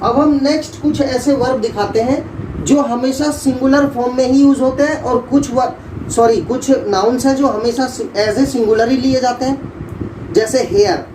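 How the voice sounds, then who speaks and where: A man teaching as an online English tutor, dictating example sentences slowly and checking in with his students often. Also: very high-pitched, noisy background. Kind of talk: explanatory online lesson. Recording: echoey room, distant mic.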